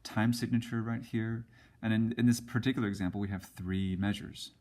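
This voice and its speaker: A man's voice: lowish voice, fairly even intonation, a little fast, a little mellow. A man teaching a casual music lesson, explaining at a whiteboard with frequent ums and restarts.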